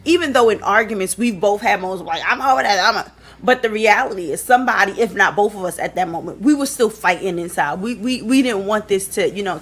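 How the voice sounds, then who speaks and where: A woman's voice: medium pitch, breathy edge. A young adult woman with a Southern US accent, co-hosting a podcast in playful, laughing casual chat. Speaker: podcast co-host.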